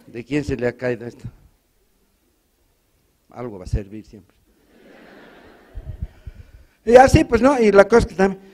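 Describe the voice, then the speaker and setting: A man's voice: a little high, huge pitch swings, normal speed, heavy background noise. A man from Bolivia with a Bolivian Spanish accent, performing a stand-up routine, telling folksy stories and doing a stutter and other voices for the characters. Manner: storytelling with funny voices and mock stutter. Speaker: stand-up comedian.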